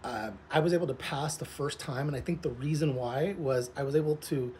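With a medium-pitched, slightly mellow voice and a slightly fast pace, a man in his forties vlogs to camera outdoors in a pool. He talks casually and rambles informally as a social media content creator. Outdoor ambience is clearly noisy.

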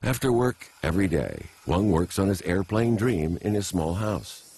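A man reading scripted documentary narration in a measured, even way. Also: low voice, slightly rough. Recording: faint music behind.

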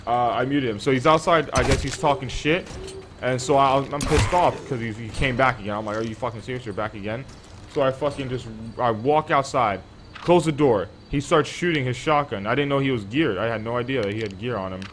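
A man's voice: mid-range voice, a little fast, noisy background. A young man streaming an online survival game, chatting casually with teammates; he is sleepy, profane and trash-talking, and he rambles through stories.

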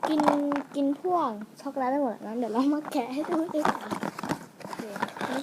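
Woman vlogger, fairly high voice, chatty unboxing talk, home camera recording, noisy background. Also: moderate pace. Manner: chatty, addresses viewers, trails off and muses aloud. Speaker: vlogger reviewing toys and snacks. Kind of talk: casual unboxing vlog. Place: room at home.

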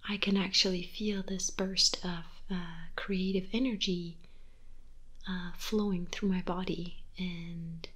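In her bedroom, a Danish ASMR creator in her twenties, whose native language is Danish, answers viewer questions in a breathy whisper. Her voice is lowish, and she whispers softly, slowly, and without any hurry.

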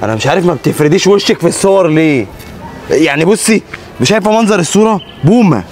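A man's voice: on the high side, lively intonation, quick pace, darkish tone. A young Egyptian man, sounding like a bossy, scornful husband, quarrelling with his wife on a city street. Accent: Egyptian Arabic. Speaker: husband in a staged street argument. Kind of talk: staged street argument.

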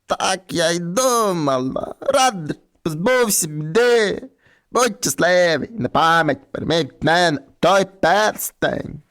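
A man voicing a kindly, wise old woman who speaks slowly and gently in a fairy tale. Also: high voice, expressive, exaggerated voice. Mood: gentle.

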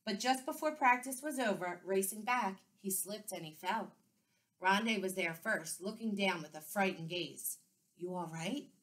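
Expressive woman reading a picture book. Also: mid-range voice, normal speed. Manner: clear, expressive storytelling. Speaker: second-grade teacher. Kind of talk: children's book read-aloud.

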